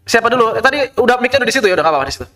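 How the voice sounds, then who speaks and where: A man teaching an online tajwid lesson. He explains with rhetorical questions and recites Arabic verse slowly. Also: very high voice, big pitch swings, sharp tone. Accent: Indonesian.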